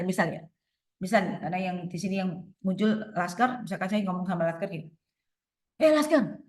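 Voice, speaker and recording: Earnest woman giving advice, echoey room. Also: a little high. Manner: earnest, explains with everyday examples; asks rhetorical questions and answers them. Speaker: workshop speaker. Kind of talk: webinar Q&A advice talk.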